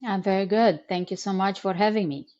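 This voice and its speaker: A middle-aged woman from Romania, answering interview questions reflectively, pausing with fillers. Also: mid-range voice, warm tone, lo-fi sound. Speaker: guest.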